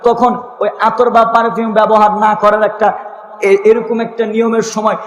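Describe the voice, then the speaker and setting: A high-pitched man from Bangladesh preaches a sermon, sliding into a loud, drawn-out chanting cadence as he tells a story. His voice rings through a big echoing hall with a long tail of reverb, heard from a distance over a PA. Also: flat delivery, muffled recording. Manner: sing-song preaching that rises into loud sustained chanted lines; tells a story, voicing its people in quoted lines.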